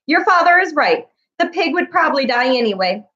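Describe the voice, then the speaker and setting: Storybook farm mother, practical, brisk, unsentimental, done by a woman reading aloud. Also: high-pitched, big pitch swings, fairly bright tone, dull audio, pitched above the performer's own voice. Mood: scolding. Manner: practical, no-nonsense.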